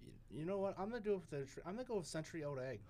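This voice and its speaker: A man's voice: on the high side, expressive, very fast, mellow, a little hiss or hum. A young man guesting on a casual student podcast, hesitant and self-deprecating. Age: young adult.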